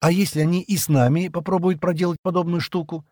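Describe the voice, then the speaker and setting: A man's voice: high voice, level tone, fast, a little mellow, no echo, studio quality, voice pushed up, lightly acted. A man reading an audiobook, voicing a stubborn young woman who speaks sharply and insistently. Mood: indignant. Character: stubborn young woman crew member, indignant.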